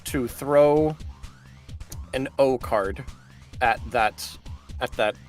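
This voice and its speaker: A man's voice: medium pitch, extremely slow, faint music behind. A man playing a tabletop role-playing game, talking casually and jokily, sometimes in character.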